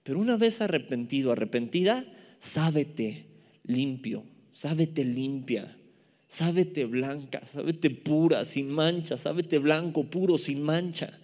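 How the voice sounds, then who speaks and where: Mexican male preacher, 30s, emphatic and jokey, somewhat high voice, long hall echo. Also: takes it slowly, darkish tone. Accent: Mexican Spanish. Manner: emphatic, repeats key words, playful asides to the congregation. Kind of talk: sermon.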